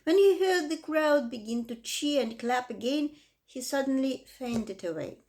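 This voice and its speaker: A woman reading a children's book aloud with expressive, dramatic emphasis. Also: high-pitched, a little slow. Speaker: reader. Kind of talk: storybook read-aloud.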